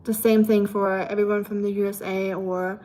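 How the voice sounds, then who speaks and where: A young woman hosting a livestream talks casually in a German accent, reading viewers' messages aloud between laughs and playful asides. Her voice is mid-range and dark in tone, with little pitch movement and a moderate pace.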